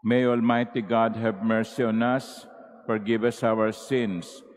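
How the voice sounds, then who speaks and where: A man, a priest speaking at a pulpit microphone and leading Mass prayers in a slow, measured, solemn way. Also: fairly low pitch, little pitch movement. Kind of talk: liturgical prayers and greeting. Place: large cathedral. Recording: long cathedral reverb through the church sound system.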